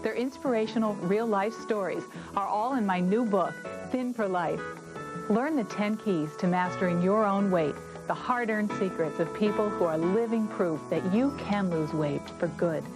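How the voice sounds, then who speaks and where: A woman delivering a scripted infomercial pitch as a nutritionist and author. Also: moderate pace. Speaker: nutritionist and author promoting own book. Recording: music bed behind voice.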